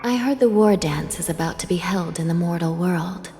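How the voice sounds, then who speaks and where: An actress voices a solemn young female judge of the underworld in scripted video game dialogue, polite and formal, with a wistful, ominous delivery. Her voice is lowish and mellow, lightly acted, at normal speed. Long hall reverb and background music surround it.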